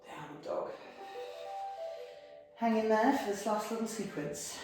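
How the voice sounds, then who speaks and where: A woman's voice: a little high, slow. Yoga teacher woman in an echoey room. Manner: encouraging, cueing moves on the breath with light laughs. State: a little out of breath at times. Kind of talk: guided yoga class instruction. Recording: very echoey room, mic from far off. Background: soft piano music.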